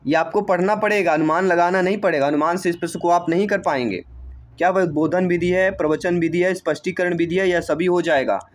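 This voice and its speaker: Guy teaching exam prep, bit high voice, keeps asking then answering his own questions. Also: fairly quick. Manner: addresses listeners warmly as dear friends and brother; repeats answers and quizzes listeners with rhetorical questions.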